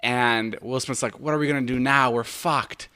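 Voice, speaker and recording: A man co-hosting a podcast in casual chat, telling a story animatedly and getting loud and heated. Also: medium pitch, normal speed, clear, resonant tone. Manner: animated, swearing, gets loud and heated retelling arguments. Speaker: podcast co-host.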